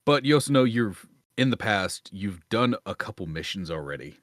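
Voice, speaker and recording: A man's voice: lowish voice, big pitch swings, normal speed, fairly bright tone, dry recording, studio quality. A man narrating as game master of a tabletop role-playing game, rambling and restarting as he thinks aloud.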